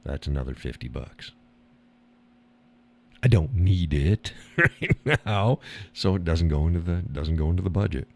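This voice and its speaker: Blunt, deep-voiced New man rambling. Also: animated, measured pace, long pauses, a little mellow. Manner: blunt, rambling, swears and laughs often; mimics other people in a higher voice. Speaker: live stream host. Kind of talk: casual live-stream talk.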